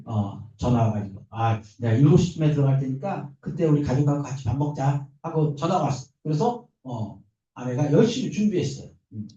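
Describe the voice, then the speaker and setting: A man giving a lecture on parenting, lively and animated, acting out the parents' and children's lines as he explains. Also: medium pitch. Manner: lively, acts out parents' and kids' quoted lines. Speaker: lecturer on adolescent counseling. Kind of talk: recorded lecture. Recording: distant, echoey, muffled room recording.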